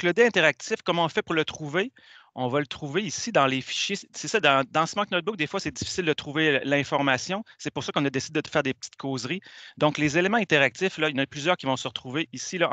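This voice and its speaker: A man, walking through a software tool step by step in a methodical teaching tone. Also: on the high side, no room sound. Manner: methodical, step-by-step, many "donc" fillers. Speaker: teacher presenting a software tutorial. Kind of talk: screen-share tutorial walkthrough.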